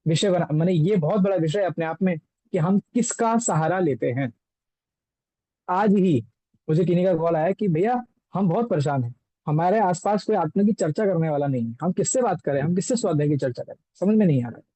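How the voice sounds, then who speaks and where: A man's voice: sits high, expressive, a little fast, dark tone, dry recording, poor audio. A man teaching a scripture text, explaining it through everyday examples and rhetorical questions.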